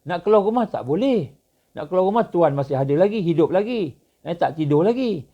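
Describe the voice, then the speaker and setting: A man preaching in a Malaysian Malay accent, his voice sitting a bit high for a man. He works the room with rhetorical questions and sudden leaps in pitch and loudness. The recording is dull and lo-fi. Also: expressive, fairly quick. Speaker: Islamic preacher. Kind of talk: religious lecture.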